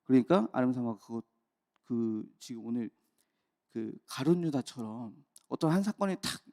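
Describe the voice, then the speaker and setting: A man in his thirties, a pastor telling a candid personal story in an early-morning sermon, with quick bursts and soft trailing asides. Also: medium pitch, animated, dry recording, studio quality. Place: church.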